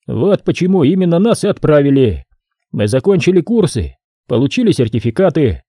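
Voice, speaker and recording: Narrator doing a brash show-off tech guy, higher voice, blunt, husky. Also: big pitch swings, brisk, warm tone, no echo, clean studio sound. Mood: boastful. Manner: cocky, bragging, blunt. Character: brash, boastful male contractor technician. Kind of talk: audiobook character voice.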